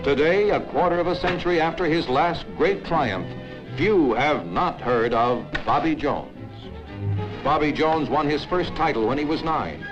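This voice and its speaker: A man narrating an old newsreel in a brisk, emphatic announcer manner. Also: on the high side, lively intonation. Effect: old newsreel soundtrack. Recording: dull lo-fi film soundtrack with music.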